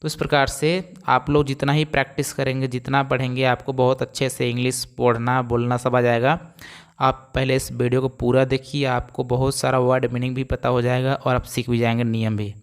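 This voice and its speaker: Clear-voiced male teacher. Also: medium pitch, little pitch movement, brisk. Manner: explains step by step, asks and answers his own questions. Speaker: English teacher. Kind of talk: spoken phonics lesson.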